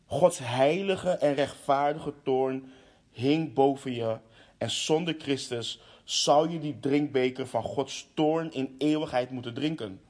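A preacher delivering a sermon, impassioned, with restarts and fillers. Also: male voice, medium pitch, slow pace, a little mellow.

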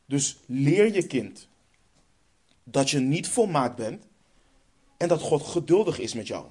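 A man's voice: a little high, very animated, slow pace, darkish tone, husky. A man with a Dutch accent preaching a sermon, emphatic and stressing points by repeating phrases.

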